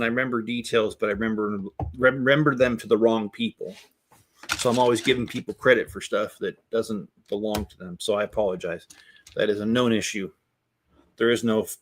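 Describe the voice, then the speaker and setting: Chatting with live viewers, a middle-aged Lego livestream host rambles, jokes, and makes fun of himself. His voice is lowish with a fairly bright tone.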